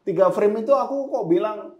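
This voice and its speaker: With a high-pitched, fairly quick voice, a photojournalist interviewed on a podcast vividly relives his experiences and acts out what he said back then. The podcast-mic recording sounds muffled and carries a roomy echo.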